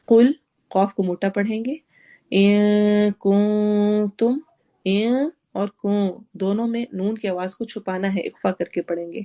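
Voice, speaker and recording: A woman teaching Quran recitation, reciting each phrase slowly and then explaining each sound, with English words mixed into her teaching. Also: medium pitch, dark tone. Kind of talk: tafsir and tajweed lesson.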